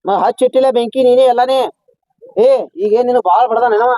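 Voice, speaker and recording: A man's voice: very high-pitched, fairly even intonation, a little fast, warm tone, no echo. A man with a North Karnataka Kannada accent, playing a scolding, blustering father in a comedy skit. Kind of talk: scripted comedy skit dialogue.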